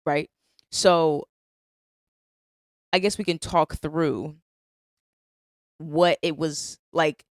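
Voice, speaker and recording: A woman's voice: low-pitched, steady tone, drawn-out words, long pauses, dry recording, studio quality. A woman in her twenties hosting a podcast, chatting casually and teasing her guest in a playful way. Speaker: podcast host. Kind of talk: casual conversation. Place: indoors, on a couch.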